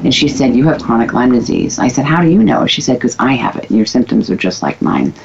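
Through a dull lo-fi recording comes a very deep, husky female voice with vocal fry, fast and animated. She's a former physical therapist appearing as a guest, speaking candidly and with emphasis in casual talk, and describes herself as a loudmouth.

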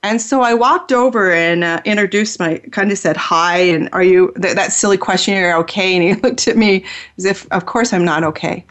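A woman coach who speaks on the radio about healing. She tells a story from her own life in an earnest, heartfelt way. Her voice sits at an ordinary middle pitch. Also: normal speed, fairly bright tone. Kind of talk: personal storytelling on a radio show.

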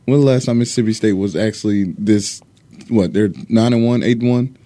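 A man's voice: on the low side, fairly even intonation, brisk, dark tone. A man co-hosting casual sports talk, easygoing, chiming in to back up the host.

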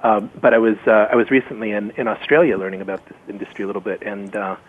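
A man's voice: fairly low pitch, flat delivery, quick pace, narrow, tinny audio, a little hiss or hum. A man speaking as a guest on a radio panel, hesitant and full of fillers.

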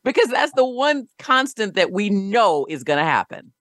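A woman's voice: medium pitch, sing-song, moderate pace, a bit bright, no echo. A woman hosting a radio interview, earnest and chatty, often repeating words as she thinks. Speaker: host.

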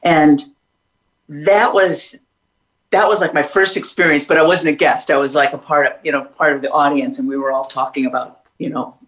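A woman's voice: sits low, fairly even intonation, moderate pace, rough recording. A woman singer being interviewed, telling stories in a rambling way with many restarts and laughs. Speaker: singer guest. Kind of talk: casual interview storytelling.

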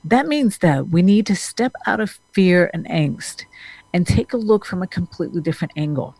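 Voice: mid-range voice, expressive, moderate pace, a little mellow, dry recording. A therapist from Denmark talking earnestly to the camera in a loose, rambling monologue, full of restarts and fillers. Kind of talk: casual talking-head monologue.

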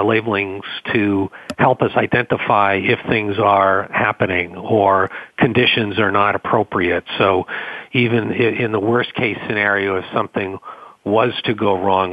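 A man with a Boston accent, a company guest answering interview questions in a measured, explanatory way with fillers. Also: fairly low pitch, no echo, lo-fi sound.

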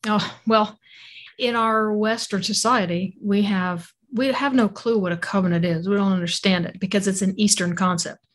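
A woman co-hosts a podcast and explains her ideas emphatically, piling up phrases to drive each point home. Her voice sits at a mid pitch, neither high nor low. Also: fairly even intonation, normal speed. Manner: emphatic, stacks points for effect. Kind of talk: conversational explanation.

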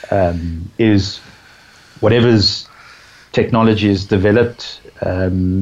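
A man's voice: low voice, a little mellow, highs cut off. A man being interviewed as a conservation guest, speaking in a dry, reflective way with a touch of sarcasm. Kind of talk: podcast interview.

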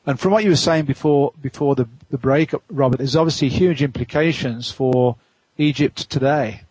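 A man hosting a radio talk show, making measured, steady announcements and introducing his guest. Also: medium pitch, breathy edge, no echo, low-quality recording. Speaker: radio host.

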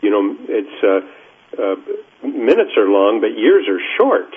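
A male physician speaking as a guest on a radio talk show, halting and full of fillers. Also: fairly low pitch, sing-song, slightly rough. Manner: halting, many fillers and restarts. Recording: muffled lo-fi radio line.

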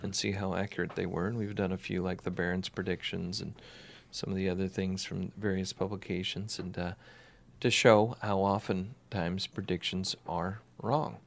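A man's voice: sits low, level tone, moderate pace, gravelly. A man hosting an investing radio show, chatting casually, rambling and laughing as he reads articles aloud.

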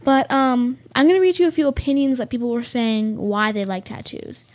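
A teenage girl chats on a student radio show, her voice sitting a bit high. She rambles casually, giggling and leaning on fillers as she talks. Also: brisk, a little mellow. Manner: chatty, giggly, filler-heavy with lots of likes and ums. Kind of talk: casual chat on air.

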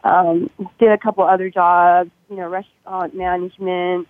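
A woman's voice: on the low side, level tone, normal speed, no room sound. A woman DJ from Thailand, raised in Northern California, chatting easily as an interview guest. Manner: easygoing, chatty, with fillers. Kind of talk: casual interview chat. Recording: tinny phone line.

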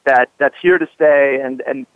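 A man's voice: medium pitch, moderate pace, clear, resonant tone, dry recording, phone-quality sound. A man speaking casually as an interviewed correspondent, conversational and peppered with "like" and "you know". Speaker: roving correspondent, interview guest.

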